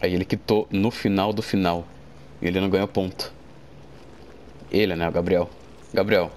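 A young man with a Brazilian Portuguese accent, casually commenting on his gameplay, excitable and joking, a bit groggy from medication. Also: low voice, moderate pace, a little hiss or hum. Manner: excitable, yelps and jokes at the game. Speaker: gameplay streamer.

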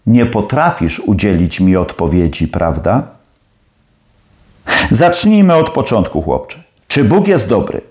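A man's voice: on the low side, sing-song, slow pace, darkish tone. A man playing a stern older professor. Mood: probing. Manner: challenging, questioning. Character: stern older male atheist professor, probing.

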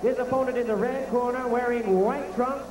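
A man working as a ring announcer, making formal bilingual boxing introductions in a grand, ceremonial manner with drawn-out names. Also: very high voice, fairly even intonation. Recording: echoey arena PA, noisy background.

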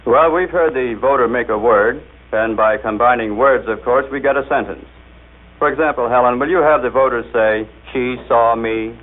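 A man's voice: mid-range voice, normal speed. Jovial man demonstrating on old radio. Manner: jovial, explanatory, coaxing the machine. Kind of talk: scripted 1930s radio demonstration. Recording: tinny 1939 radio broadcast recording.

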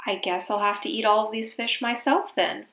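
A woman's voice: a little high, normal speed, fairly bright tone, close to an everyday voice. A woman voicing a sly, scheming male rabbit in a playful trickster tale character voice for a storybook puppet show. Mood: coaxing. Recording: slightly echoey room.

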